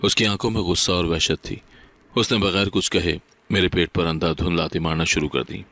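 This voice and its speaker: A man reading a sad first-person moral story as scripted narration, steady and solemn. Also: sits low.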